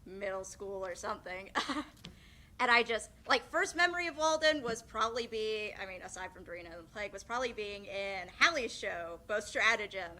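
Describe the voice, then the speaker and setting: A woman's voice: medium pitch, expressive, brisk, sharp tone. A young woman giving a nervous, giggly, rambling farewell speech as a graduating theatre student.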